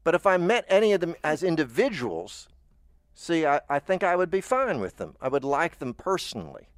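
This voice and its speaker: A man's voice: a little high, big pitch swings, normal speed, dry recording. Podcast host, American man, chatty and rambling, dry close mic. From United States. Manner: rambling, chatty, with stammered restarts. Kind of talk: casual chat.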